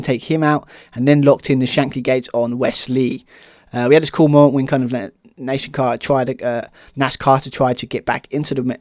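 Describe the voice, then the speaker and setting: A man hosting his podcast solo, talking through a review in a loose, rambling way, with constant "kind of" and "um". He sounds keen. His voice sits at a middle pitch, and the recording is dry and close, with no room sound. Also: a little mellow, no echo. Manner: rambling, heavy use of "kind of" and "um"; enthusiastic. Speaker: podcast host.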